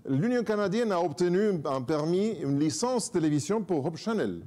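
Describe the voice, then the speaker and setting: A man's voice: sits high, moderate pace. A man, a native Spanish speaker, giving a church talk as guest preacher in a joking, self-mocking way. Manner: joking, self-mocking, lively, moves a lot.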